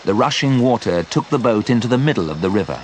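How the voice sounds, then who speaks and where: A man narrating a simple story slowly and clearly for English learners. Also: on the low side, slight background noise. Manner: slow, clear, expressive.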